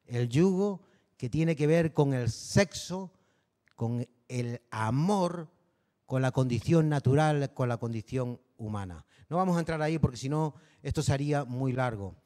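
A pastor with a Canary Islands accent preaching a sermon in a conversational way, often checking in with the congregation. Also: male voice, mid-range voice, lively intonation, a little slow, warm tone, long reverb tail. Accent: Canary Islands Spanish. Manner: conversational preaching, peppered with rhetorical tags.

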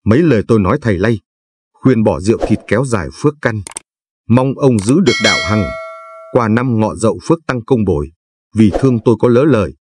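A man reciting as a gentle talking tooth. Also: fairly low pitch, animated, a little fast, noisy background, close to an everyday voice. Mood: pleading. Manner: soft sing-song verse chanting.

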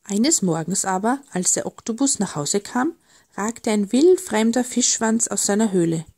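A woman narrating a children's storybook in a gentle, expressive way. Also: mid-range voice, normal speed, slightly rough. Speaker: audiobook narrator.

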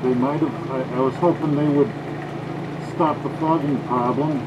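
A man speaking through a full face mask, half yelling and thinking aloud as he tests a product. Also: fairly high pitch, steady tone, moderate pace. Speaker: product tester. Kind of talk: casual product test. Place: indoor room with air conditioning. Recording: muffled, with loud air conditioning hum.

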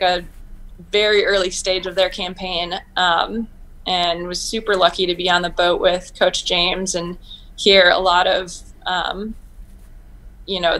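A woman's voice: on the low side, a bit bright. A woman in her thirties, a sailor being interviewed over a video call from home, talking in an upbeat, chatty way with frequent ums. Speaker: Olympic sailor, guest. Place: home room, indoors.

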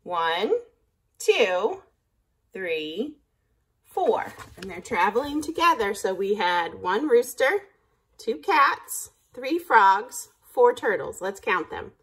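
A woman's voice: mid-range voice, big pitch swings, slow, fairly bright tone, breathy edge. A woman reading a picture book aloud like a teacher, patiently stopping to count along.

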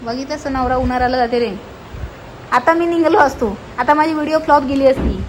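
Woman, high bright voice, chatty and teasing, casual vlog, outdoor phone recording with loud background noise. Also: fairly quick. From Alibag, Maharashtra. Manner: chatty, teasing, playfully scolding. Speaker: vlogger. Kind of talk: casual vlog narration and chat. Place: outdoors in a coastal fishing village. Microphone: handheld phone with headphones.

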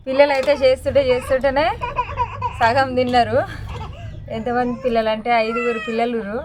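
A woman's voice: a little high, background noise. A woman with a Telangana accent, chatting casually in a vlog while cooking outdoors and teasing her children. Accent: Telangana Telugu. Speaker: vlogger and mother. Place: outdoors by a smoky wood fire in the sun.

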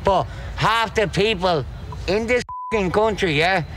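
A man's voice: high voice, a little slow, fairly bright tone. A man ranting angrily on the street, swearing in casual talk. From Ireland. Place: city street at night, outdoors. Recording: noisy outdoor street recording.

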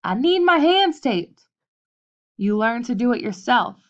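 A woman voicing a wiry, toothless old boxing cutman who talks gruff and blunt, in a lo-fi audiobook recording. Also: on the high side, sing-song, measured pace, pitched above the performer's own voice. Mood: snappish. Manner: gruff, blunt, clipped street grammar.

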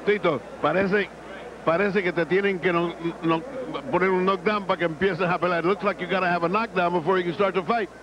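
A man's voice: sits high, fairly even intonation, fast talker. An older American man working as a boxing analyst and interviewer, explaining the fight. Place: boxing ring in a crowded arena. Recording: very noisy dull tape, loud crowd.

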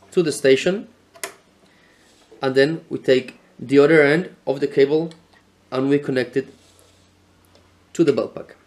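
Speaking from an indoor showroom, a Spanish product presenter in his thirties explains equipment in a careful, scripted manner. His voice is mid-range with a darkish tone. A camera mic captures him from medium distance.

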